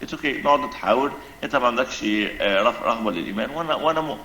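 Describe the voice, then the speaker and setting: Fast, insistent Egyptian man debating. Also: mid-range voice, animated, sharp tone, reverberant, slight background noise. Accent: Egyptian Arabic. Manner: insistent, repeats himself, explains with examples. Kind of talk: religious debate.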